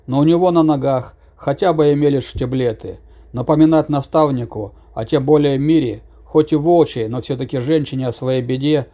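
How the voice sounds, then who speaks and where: A medium-pitched man narrates a fantasy story as an audiobook, reading aloud in a steady, measured way.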